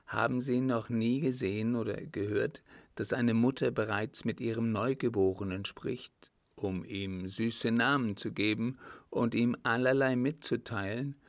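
A man voicing a calm, composed servant and former soldier who answers with quiet mockery in an audiobook reading. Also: mid-range voice, a little slow, creaky, dry recording. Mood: cool mocking. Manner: calm, composed, faintly mocking. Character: cool-headed male ex-soldier servant, calm and mocking.

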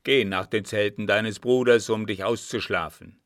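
A proud desert sheik barks his words, loud, harsh and threatening, as a male storyteller puts him on. The voice sits low and the sound is close and dry. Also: fairly even intonation, normal speed, no room sound. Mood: angry, scornful.

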